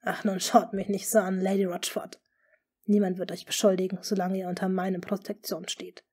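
A woman voicing a scheming noble duke in an audiobook, speaking smoothly and often in a hushed, half-whispered tone. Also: medium pitch, little pitch movement, natural voice. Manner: smooth, measured. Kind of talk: audiobook character reading.

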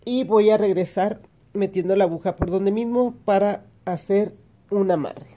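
A woman's voice: medium pitch, normal speed, warm tone. A woman giving a patient step-by-step hand embroidery lesson, explaining each stitch as she works. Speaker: embroidery teacher.

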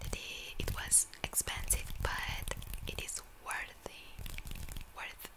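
Young woman whispering ASMR. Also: low-quality recording. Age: young adult. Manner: whispering, with rapidly repeated trigger words. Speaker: ASMR video creator and streamer. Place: small room at home, indoors. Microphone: close studio microphone.

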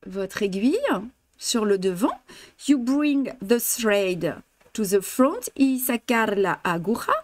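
A woman leads a live embroidery lesson in a slightly high voice, guiding each stitch slowly and patiently with many small hesitations. She breaks off now and then to greet viewers and answer their comments. The sound is dry and close, with no room echo. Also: a little mellow. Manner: patient step-by-step instructions with many fillers. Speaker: embroidery teacher hosting a live stream. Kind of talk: live craft demonstration, switching languages.

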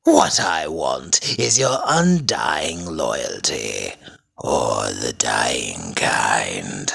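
A man voicing a theatrical, gleefully menacing cartoon goblin supervillain as an impression, with a raspy, gravelly voice that swings between shrill highs and low growls. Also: fairly bright tone, heavily acted. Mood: low menace.

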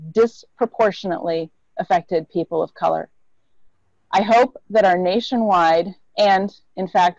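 A woman hosts a live online town hall from a small room, speaking earnestly and sometimes restarting her phrases. Her voice is on the low side. The webcam audio is muffled and dry. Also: a little mellow. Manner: earnest, with some halting restarts. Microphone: webcam on a video call.

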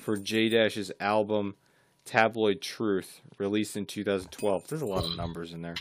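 A man's voice: on the low side, flat delivery, moderate pace, no room sound. A man streaming a co-op game, chatting casually and reading facts aloud in a dry, matter-of-fact way. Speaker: gaming streamer. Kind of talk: casual co-op gaming chat.

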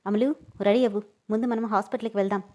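A woman voicing a loving, teasing young husband who protects his wife, speaking quickly and a little lower than her own voice. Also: steady tone, darkish tone, close to an everyday voice. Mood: tender.

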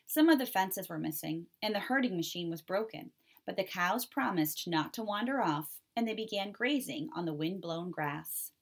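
A woman's voice: lowish voice, moderate pace. Woman reading a children's book aloud. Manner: clear, steady storytelling. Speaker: reader. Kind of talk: children's storybook read-aloud.

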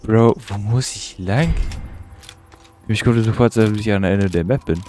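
A man's voice: lowish voice, normal speed, mellow, a little hiss or hum. A young man giving casual, slangy let's-play commentary and swearing at the game. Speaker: gaming YouTuber.

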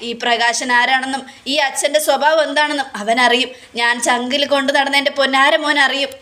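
A woman's voice: high-pitched, fairly even intonation, fairly quick, pushed and bright. A woman reading out the lines of a remorseful aging father, recounting a scene in her own voice. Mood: regretful.

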